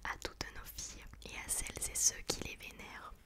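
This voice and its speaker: A woman whispering softly as an ASMR host, presenting and reading from a book in an informal way. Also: moderate pace.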